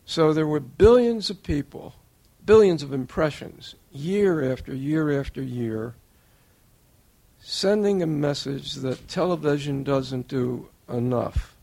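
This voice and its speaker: Older guy, gravelly voice, earnest formal tribute, point by point. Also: on the high side, warm tone. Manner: measured, earnest, lists points in order. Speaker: interviewer.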